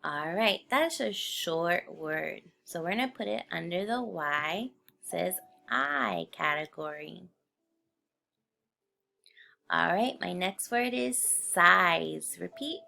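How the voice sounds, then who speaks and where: A woman teacher takes a phonics spelling lesson very slowly, sounding out each letter with patience. Her voice is bright and a bit gravelly, and it sits somewhat low. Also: expressive, slight background noise.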